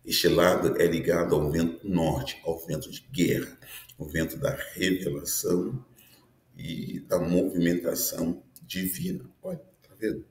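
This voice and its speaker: Deep-voiced pastor in his fifties, preaching. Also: a little slow, roomy sound. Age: 50s. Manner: earnest preaching with frequent tag questions. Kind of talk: prophetic teaching sermon.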